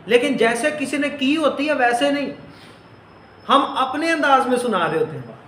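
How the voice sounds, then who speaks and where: Man, high voice, Bible lesson with dictation, repeats phrases slowly, echoey room. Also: animated, fairly bright tone, a little hiss or hum. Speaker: Bible teacher.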